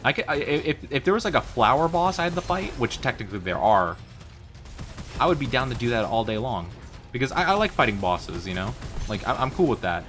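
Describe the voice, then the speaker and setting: A man's voice: medium pitch, expressive, fairly quick, a bit bright. A man livestreaming games, talking casually and bantering playfully with his chat. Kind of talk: casual gaming stream chat. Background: faint music.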